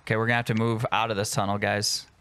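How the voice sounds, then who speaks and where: A man's voice: fairly low pitch, level tone, racing, a bit bright, clear, resonant tone, no echo. A man streaming a shooter game from a small room at home, giving terse callouts and swearing in casual team chat. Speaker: streamer playing a shooter with friends.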